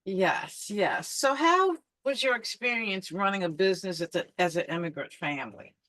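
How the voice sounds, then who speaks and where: A woman's voice: medium pitch, lively intonation, moderate pace, a bit bright, dry recording. A woman hosting an interview show, introducing her guest with upbeat enthusiasm and asking questions. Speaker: podcast host.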